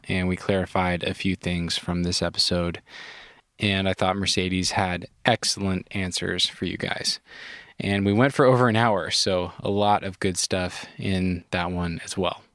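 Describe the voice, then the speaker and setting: The speaker is a man hosting a podcast inside a van, easygoing, quick to laugh, and prone to restarting sentences, with a bit of head-cold stuffiness. He mixes casual chat with an ad read in a low voice at normal speed. The studio sound is clean, with no room noise.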